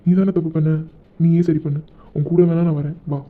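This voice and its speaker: A man's voice: a little high, level tone, a little fast, natural voice. A man voicing Aadhi, a blunt, teasing young man who scolds and bosses his friend, in an amateur audio drama. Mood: scolding. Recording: tinny phone-like recording.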